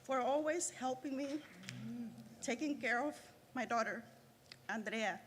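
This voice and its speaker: A woman's voice: sits high, fairly bright tone. Earnest Salvadoran woman in a reverberant hall. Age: 30s. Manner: earnest, halting with restarts. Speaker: graduating student speaker. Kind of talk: prepared ceremony speech. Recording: reverberant hall, faint noise.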